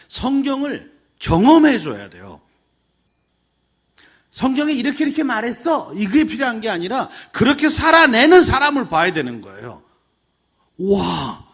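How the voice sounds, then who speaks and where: A man's voice: high voice, breathy edge. A middle-aged male pastor giving a lecture to church teachers, acting out the voices of children and teachers as he tells stories. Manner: animated, acting out quoted voices of kids and teachers.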